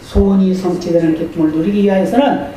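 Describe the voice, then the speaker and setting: A man's voice: high-pitched, steady tone, fairly quick, warm tone. A man preaching a sermon as pastor, speaking conversationally and often asking the congregation questions. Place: church sanctuary. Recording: echoey hall, distant mic, faint noise.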